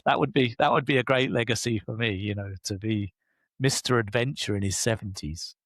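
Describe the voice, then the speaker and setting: Brisk and eager, this man in his 60s is a leadership coach being interviewed, and he keeps chiming in with "yeah." His casual speech has animated pitch jumps, captured on a dry recording.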